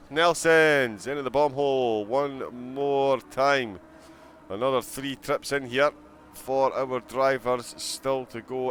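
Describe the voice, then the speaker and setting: A man's voice: medium pitch, a little hiss or hum. A man commentating a live sim-racing broadcast, chatting and giggling as he reacts to viewers' chat between race calls.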